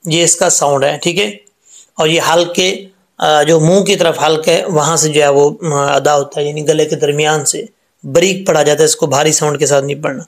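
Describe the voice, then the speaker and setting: Male Quran tutor with a Pakistani Urdu accent, slightly high and monotone, patient drill-style lesson voice. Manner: drills syllables, then explains pronunciation calmly. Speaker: Quran reading teacher. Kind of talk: slow letter-by-letter recitation lesson.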